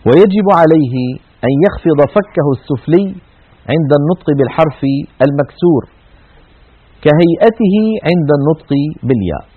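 Husky-voiced man teaching Quran recitation. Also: on the high side, expressive, brisk. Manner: explanatory, demonstrates sounds by drawing out vowels. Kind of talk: broadcast tajweed lesson. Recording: tinny phone-like broadcast audio.

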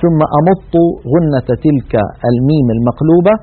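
A man teaches Quran recitation in a broadcast lesson, measured and explanatory as he demonstrates sounds. His voice is husky and sits a little high, and he talks quickly. The audio is tinny and narrow, like a phone line.

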